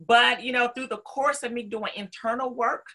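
A woman's voice: a little high, fairly even intonation, normal speed, pushed and bright. A middle-aged woman with a Southern US accent, telling her story conversationally as an interview guest, emphatic and full of folksy asides. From North Carolina, southern United States.

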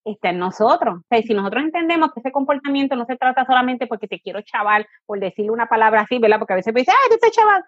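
Speaking quickly and with hardly any pauses, this Puerto Rican woman has a voice on the high side, captured in a muffled, echo-free recording. An educator and coach in positive discipline, she patiently answers interview questions, occasionally voicing a parent or a child.

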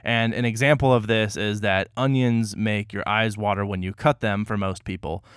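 A man with a lowish, smooth and resonant voice talks through a topic on a podcast. He sounds measured and a little wry. The recording is dry and close, with no room sound. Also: fairly even intonation, dry recording. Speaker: podcast co-host. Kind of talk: casual explanatory podcast chat.

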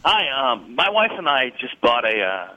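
A man calling in to a radio show over a phone line, speaking in a friendly but halting way with many pauses. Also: mid-range voice, sing-song, pushed and bright.

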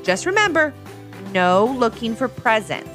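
A woman's voice: a little high, sing-song, a little slow, over music. A woman voicing a cheerful father who dearly loves birthday cake, drawing out his words as he daydreams. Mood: enthusiastic.

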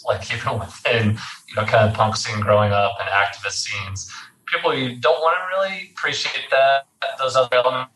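A young man from Texas, a guest talking about activism in a casual interview, thoughtful and measured with frequent fillers. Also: fairly low pitch, bright, forceful tone. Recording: roomy sound from a distant mic with faint background hiss.

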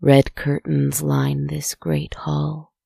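A woman softly narrating a guided relaxation story in a hushed, soothing, spa-like manner, with deliberate, poetic phrasing. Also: low voice, monotone, creaky, husky, dry recording.

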